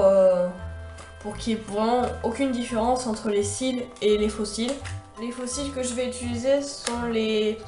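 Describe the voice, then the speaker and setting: A beauty vlogger, a young woman with a cold and a stuffy nose, chats through a makeup tutorial full of fillers and restarts. Her voice is slightly high with a darkish tone, and the recording is reverberant.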